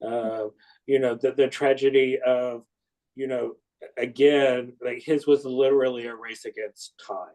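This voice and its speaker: A man in his sixties interviewing, who speaks haltingly with many fillers and restarts. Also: mid-range voice, steady tone, darkish tone, rough recording. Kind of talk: conversational interview.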